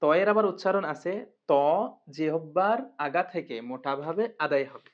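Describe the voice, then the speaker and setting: A woman's voice: low-pitched, a little fast. A woman teaching Quran reading in a recorded lesson, patiently repeating and drilling each sound. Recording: muffled lo-fi recording.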